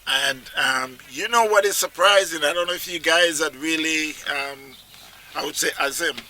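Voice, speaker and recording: A man hosts a relaxed cricket commentary chat, his voice very bright and a little high. He talks haltingly, filling gaps with "um" as he gathers his thoughts. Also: slight background noise, rough recording. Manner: halting, with frequent "um" fillers. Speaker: cricket commentator and YouTube channel host.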